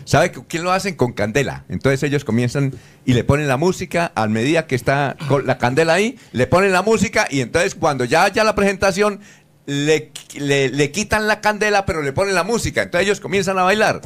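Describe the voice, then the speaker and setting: A man hosting a radio debate, his voice a little high for a man. He puts pointed questions to his guests, stopping and restarting as he searches for words. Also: animated, a little fast, fairly bright tone. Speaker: radio host, moderator. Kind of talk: moderating a debate.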